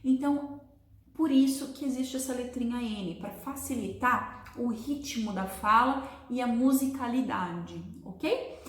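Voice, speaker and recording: A woman teaching a beginners' English lesson, explaining patiently and drawing out her example words slowly. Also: on the high side. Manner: checks in with listeners often. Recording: echoey room.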